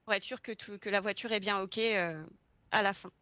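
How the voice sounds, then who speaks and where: A woman with a mid-range voice plays an experienced garage employee training a new recruit in an online roleplay, walking through things step by step. She speaks casually at normal speed, steady and sharp in tone. The recording is dry and dull.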